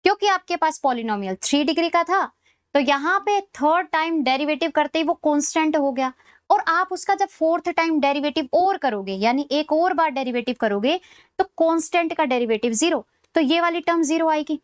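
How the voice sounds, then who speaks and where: A woman lecturing on maths for exam preparation. She explains step by step, often checking that students follow, and slows right down to dictate formulas. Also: high-pitched, lively intonation, no room sound, clean studio sound.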